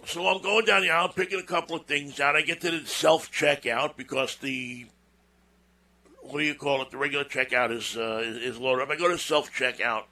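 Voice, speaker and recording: A man's voice: a little high, fairly even intonation, fairly quick, sharp tone. A man hosting a show, telling a personal story in a casual, rambling monologue with folksy asides and repeated words. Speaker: show host.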